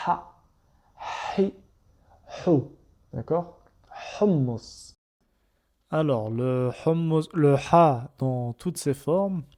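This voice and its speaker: A man's voice: medium pitch, mellow. A man teaching how to read letters step by step, patiently repeating each point and sounding out examples. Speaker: Arabic reading teacher. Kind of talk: step-by-step lesson narration.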